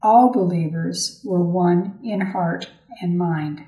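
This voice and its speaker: A woman reading a Gospel passage and its commentary aloud in a measured, solemn way. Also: on the low side, warm tone. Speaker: scripture reader. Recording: roomy echo.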